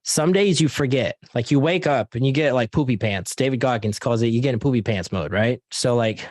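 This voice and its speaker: A man's voice: mid-range voice, brisk, a little mellow, no room sound. A man giving a casual motivational sales training talk over an online meeting. He fills his talk with "like" and calls his listeners guys and dude. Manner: casual, filler-heavy, addresses audience as guys and dude.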